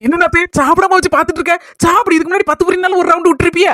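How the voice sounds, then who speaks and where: A woman's voice: extremely high pitch, steady tone, very fast, slight background noise, pitched above the performer's own voice. A woman voicing a bold, outspoken young daughter-in-law in a cartoon, bossy and argumentative with a Kanyakumari Tamil accent. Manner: sharp, bossy, arguing. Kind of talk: cartoon voice acting.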